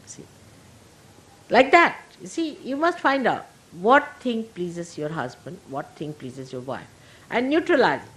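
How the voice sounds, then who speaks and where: A woman with a mid-range, sing-song voice gives a casual, funny spiritual talk to her followers, speaking a little slowly on a rough recording. As a spiritual teacher, she keeps up warm, humorous asides to the audience and often checks in with a conversational "see?"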